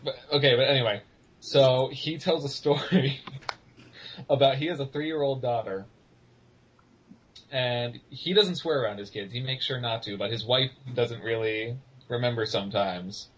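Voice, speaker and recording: A man's voice: mid-range voice, unhurried, fairly bright tone, slightly rough, rough recording. A teenage boy telling an anecdote in a casual podcast chat, hesitant and full of "like". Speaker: podcast co-host.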